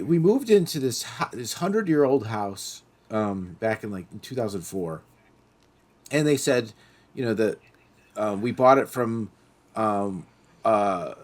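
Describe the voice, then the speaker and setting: A middle-aged man hosting a podcast, telling stories in casual chat and acting out the voices of the people in them. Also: on the low side. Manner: animated storyteller, acting out quoted voices. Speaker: podcast host.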